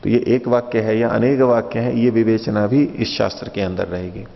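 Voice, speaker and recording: A man's voice: lowish voice, fairly even intonation, normal speed, gravelly. A man teaching philosophy in a patient lecture, repeating and rephrasing his points and asking the listeners questions. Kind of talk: explanatory lecture with stories. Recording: dull lo-fi recording in a reverberant hall.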